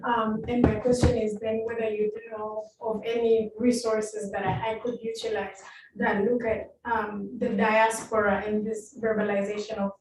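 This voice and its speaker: Tanzanian woman asking a question, halting and full of ums, very echoey and far off. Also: fairly high pitch, flat delivery. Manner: hesitant, many fillers. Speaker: audience member asking a question. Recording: very echoey distant mic with faint noise.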